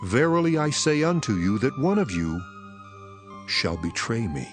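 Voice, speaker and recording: An actor playing Jesus as a solemn, authoritative teacher in a dramatized scripture reading, with measured, weighty delivery. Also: male voice, medium pitch, very animated. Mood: grave, foreboding. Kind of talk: dramatized scripture, archaic English. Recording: voice over prominent music.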